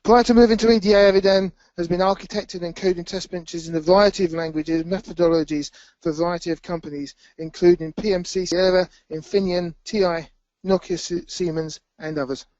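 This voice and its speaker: A man with a notably high voice introduces the next conference speaker, reading out a formal bio and stumbling now and then on an "uh". The sound is dry and muffled, with no room around it. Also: steady tone, fairly quick, darkish tone, no echo. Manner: reads a formal bio with fillers. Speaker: session chair.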